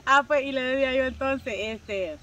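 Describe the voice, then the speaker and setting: A woman's voice: high-pitched, normal speed, a bit bright, far from the mic, lo-fi sound. A Salvadoran woman chatting casually to her viewers, with lots of filler words and friendly asides to her audience. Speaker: vlogger.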